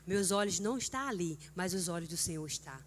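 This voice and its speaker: A woman's voice: fairly low pitch, animated, fast talker, a little hiss or hum. Earnest middle-aged woman preaching. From Brazil. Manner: earnest, emotional, rising to fervent emphasis. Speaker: church speaker leading prayer. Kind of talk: prayer meeting testimony and exhortation.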